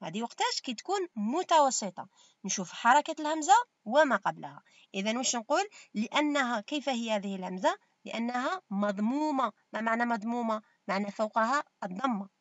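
A primary school teacher with an Algerian Arabic accent leads a step-by-step revision lesson, posing questions and answering them herself. Her voice is fairly high, animated and fairly quick, captured as clean studio sound with no echo.

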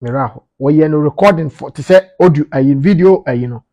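A Ghanaian-accented man in his thirties, a media commentator, talks informally to camera from a small indoor office, repeating his phrases for emphasis. His voice is warm and fairly high, at a moderate pace.

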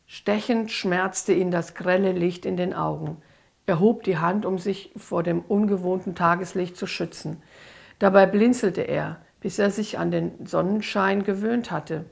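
A woman, an author, reading her own dark story aloud in a slow, dramatic storytelling manner. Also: fairly low pitch, creaky. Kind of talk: audiobook-style reading.

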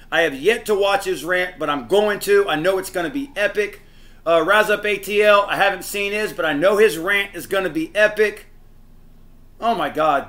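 A man hosting a sports fan channel, delivering a frustrated reaction rant that swings from muttering to shouting. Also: sits high.

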